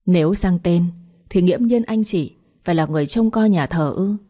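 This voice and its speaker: A woman reading an audiobook story aloud in a steady, earnest manner. Her voice sits low and sounds warm and mellow. It has a husky edge. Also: moderate pace.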